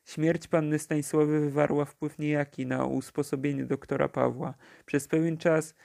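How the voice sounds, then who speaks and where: A man narrating a classic novella for an audiobook, in a steady, measured reading. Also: on the high side, gravelly. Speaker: audiobook reader.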